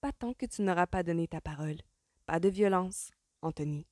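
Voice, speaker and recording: A determined young woman, sarcastic and commanding, sounding mellow and a little low, as a woman puts her on. Close, dry recording. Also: normal speed, no echo, close to an everyday voice.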